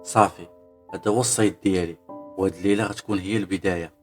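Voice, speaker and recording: Male narrator doing a cunning young Moroccan woman, brash and quick-tongued, low voice, rapid delivery. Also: fairly even intonation, faint music behind. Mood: scheming. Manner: loud, indignant complaining. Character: scheming young woman, bold and sharp-tongued.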